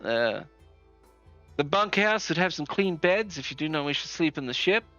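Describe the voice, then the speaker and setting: A hospitable Southern woman who leads a frontier settlement, as a man puts her on, speaking in a bright, forward voice. She is friendly but halting, full of "uh" and "um", over a dry, slightly dull recording with faint music behind. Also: fairly high pitch, animated. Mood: welcoming. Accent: Southern US, put on. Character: hospitable female settlement leader.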